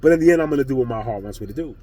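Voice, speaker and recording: Husky-voiced man ranting bluntly. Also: medium pitch, expressive, very fast, mellow, low-quality recording. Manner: blunt, profane, emphatic. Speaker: vlogger. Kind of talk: spiritual monologue.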